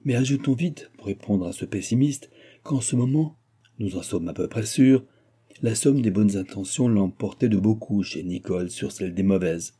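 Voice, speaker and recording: A man narrates a classic novel in an even, literary storytelling manner. His voice is low-pitched, very dark and somewhat husky. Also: normal speed. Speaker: audiobook narrator. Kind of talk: scripted narration.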